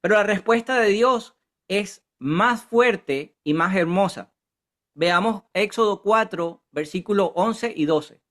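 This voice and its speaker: Bible study leader, high-pitched man, chatty and engaging, often checks in with listeners. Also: slow, a bit bright. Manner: conversational, keeps asking the group "¿verdad?".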